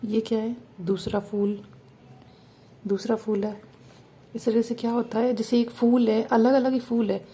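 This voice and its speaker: A woman's voice: on the high side, little pitch movement, unhurried, pauses often, warm tone, breathy edge. A woman teaching parents the Hindi alphabet, asking questions and answering them herself, stretching out the vowel sounds.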